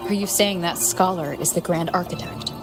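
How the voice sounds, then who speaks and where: An actress playing a composed, perceptive young wanderer heroine in a game, speaking thoughtfully. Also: female voice, on the low side, moderate pace, loud music behind the voice, close to an everyday voice. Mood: pensive, resolute. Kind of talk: scripted game dialogue.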